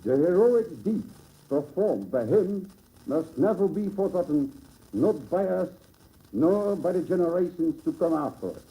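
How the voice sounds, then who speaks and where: A Dutch man from the Netherlands reads a formal, scripted dedication address as a local dignitary at a public monument ceremony. His high voice sounds very dull and soft-edged, yet he is very animated, a little slow, and solemnly oratorical. The audio comes from an old 1950s radio broadcast.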